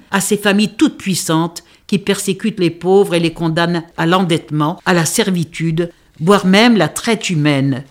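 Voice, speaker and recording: A woman who reads passages from a novel aloud and then reviews it in a measured voice. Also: on the low side. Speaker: book reviewer and reader. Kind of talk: reading a book aloud and reviewing it.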